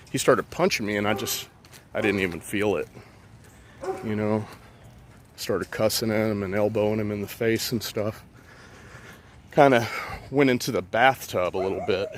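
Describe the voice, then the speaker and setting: A man casually telling a personal story outdoors, rambling and profane with many fillers. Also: medium pitch.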